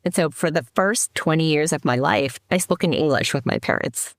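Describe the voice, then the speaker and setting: This low-voiced, middle-aged company CEO from the Seattle area, United States, speaks at normal speed as a guest on a podcast. Her casual interview talk is reflective as she tells her story, full of restarts and fillers, and there's no echo.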